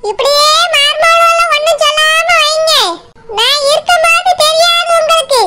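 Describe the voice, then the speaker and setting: A woman's voice: extremely high pitch, fairly even intonation, normal speed, voice pushed up. A woman voicing a grumpy, complaining older village mother-in-law with a Tirunelveli Tamil accent. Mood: grumbling. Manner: nagging, scolding.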